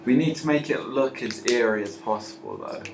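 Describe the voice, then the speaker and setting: A man's voice: medium pitch, normal speed. A young man in his late teens in a student meeting, arguing his points and objecting often. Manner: argumentative, keeps objecting. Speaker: student in a group planning meeting. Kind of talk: casual group discussion. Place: school classroom. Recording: echoey classroom with clear background noise.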